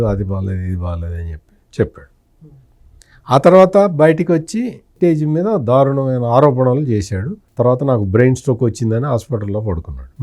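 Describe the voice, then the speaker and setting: A man's voice: a little high, a little mellow. A middle-aged man, a senior journalist, giving political commentary with fiery rhetorical questions.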